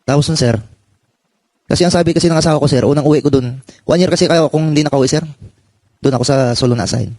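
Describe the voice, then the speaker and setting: Halting man, "sir" after every phrase. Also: fairly high pitch, mellow, dry recording. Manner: halting, repeats "sir" constantly. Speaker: former soldier. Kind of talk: personal testimony in a panel.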